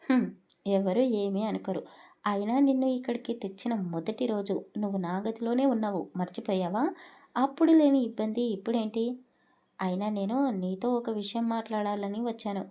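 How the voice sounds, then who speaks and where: A woman's voice: medium pitch, normal speed, mellow, close to an everyday voice. A woman voicing a young male hero, teasing and lazy, in an audio story.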